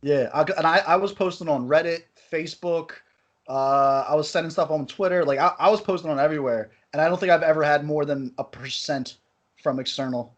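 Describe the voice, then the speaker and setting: A man's voice: fairly high pitch, fairly quick. A man interviewing a guest in a loose, casual chat, swearing freely, heard remotely over an online voice-chat call. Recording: dull lo-fi voice-chat audio.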